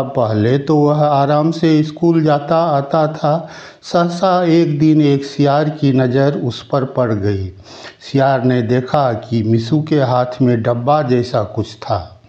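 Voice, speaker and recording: Slow, mellow male storyteller. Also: mid-range voice, highs cut off. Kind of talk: unhurried children's folk-tale narration.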